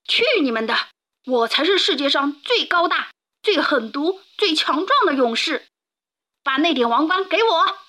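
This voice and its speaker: A woman's voice: sits high, animated, a little slow, pushed and bright, pitched above the performer's own voice, heavily acted. A woman voicing a huge, mean male giant in a storybook, bellowing boasts. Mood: menacing.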